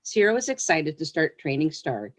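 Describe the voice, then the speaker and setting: A children's book author appears as a guest on a storytime show, first reading a storybook aloud and then chatting casually in interview answers. Her low voice is very animated and moves at a moderate pace.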